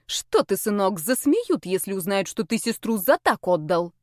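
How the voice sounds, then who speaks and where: A woman's voice: mid-range voice, sing-song, moderate pace, dry recording, clean studio sound, close to an everyday voice. A woman voicing a sly, scheming older werewolf matriarch who sighs dramatically and longs for grandchildren. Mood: insistent.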